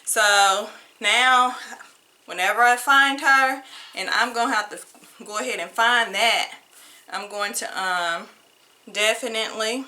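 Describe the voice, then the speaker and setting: A woman talks her viewers through a new wig in her room at home. Her voice is bright and forward, and her pace is slow and easy. She drawls her compliments and keeps calling her audience honey. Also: mid-range voice. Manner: chatty, drawls praise, calls viewers honey. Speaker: wig reviewer. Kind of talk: casual product review vlog. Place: home room with wigs on floor.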